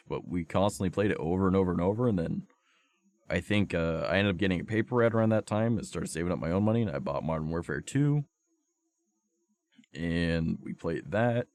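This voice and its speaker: Low-voiced young man with a sore throat. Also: no room sound. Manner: rambling, profane storytelling full of "like". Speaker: streamer. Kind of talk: casual chat to stream viewers.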